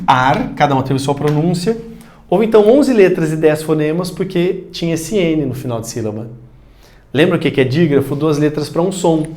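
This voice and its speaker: A man with a Brazilian Portuguese accent teaching a recorded video lesson, talking straight to the viewer and loudly calling out example words. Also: on the high side. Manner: animated, addresses viewer directly, shouts example words.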